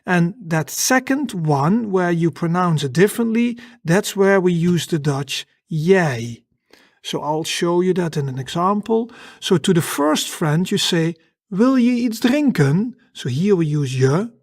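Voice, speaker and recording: A language teacher giving a lesson, explaining step by step in a slow, patient way. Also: medium pitch, lively intonation, no room sound, clean studio sound.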